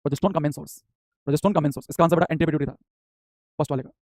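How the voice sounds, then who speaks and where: A man's voice: fairly high pitch, rapid-fire, dry recording, studio quality. A man teaching biology in a live exam-prep class, drilling points with lots of repetition. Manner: energetic, repetitive drilling, calls students beta.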